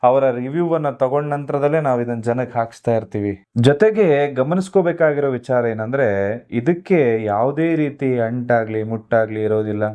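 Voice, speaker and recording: Man, astrologer guest, steady instructive advice, middling pitch. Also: normal speed, clear, resonant tone. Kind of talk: advisory explanation of remedies.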